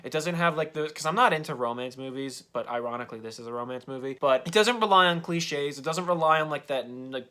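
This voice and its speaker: A man's voice: a little high, fast talker, few pauses, bright, forceful tone. A man giving a casual spoken film review, rambling with lots of "like", correcting himself and acting out quotes. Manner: rambling, full of "like" and self-corrections, acts out quotes.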